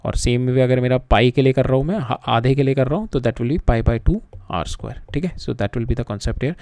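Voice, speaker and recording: A man's voice: medium pitch, moderate pace, darkish tone, no echo. A man teaching physics, working through problems while switching between Hindi and English, with frequent fillers and repeated words. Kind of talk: lecture solving exam problems.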